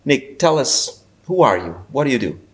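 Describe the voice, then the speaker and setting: A man's voice: mid-range voice, big pitch swings, moderate pace. A man hosting a podcast interview, conversational and asking leading questions. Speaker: podcast host.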